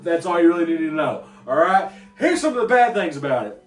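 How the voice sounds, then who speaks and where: A man with a somewhat high voice talks as an animated podcast co-host, exclaiming often and breaking into mock voices. He sits back from the mic, and the room adds a clear echo. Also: a little fast, faint music behind. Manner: animated, exclaims often, mocks bad accents. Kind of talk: casual chat. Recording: echoey room, mic at a distance.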